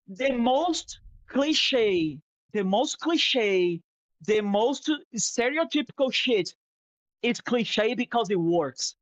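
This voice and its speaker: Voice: medium pitch, no echo. A streamer chatting casually while drawing, rambling and swearing, openly sentimental, on a headset mic.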